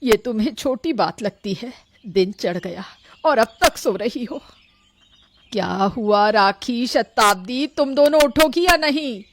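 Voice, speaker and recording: A woman's voice: mid-range voice, slow. A woman voicing a nagging, dramatic old grandmother of five granddaughters. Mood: scolding. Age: older. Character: scolding grandmother of five girls.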